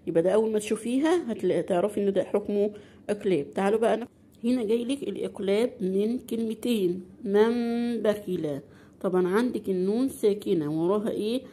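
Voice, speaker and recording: Teaching beginners to recite the Quran, this Egyptian-accented woman asks questions and then answers them on her own, stretching example words out slowly. She has a mid-range voice that's mellow with a slight roughness.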